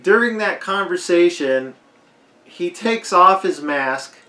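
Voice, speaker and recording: A man with a hoarse, fading voice giving a rambling, unscripted movie commentary, leaning hard on "like". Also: high-pitched, lively intonation, takes it slowly, bright, forceful tone. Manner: rambling, heavy use of "like". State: hoarse, losing his voice. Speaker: film commentator. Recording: echoey roomy recording.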